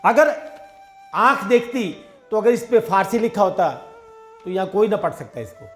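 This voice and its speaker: A high-pitched, somewhat bright male voice moves at normal speed, with soft music in the background. The speaker, a satsang preacher, delivers a devotional sermon by telling everyday parables conversationally and acting out their dialogue in his own voice.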